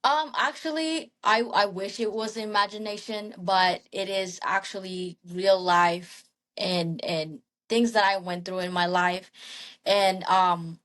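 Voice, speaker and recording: A young woman from the Philippines, a singer appearing as a guest, chats casually in an interview. She speaks slowly and softly in a mid-range voice with a steady tone, with light laughs and lots of ums and restarts.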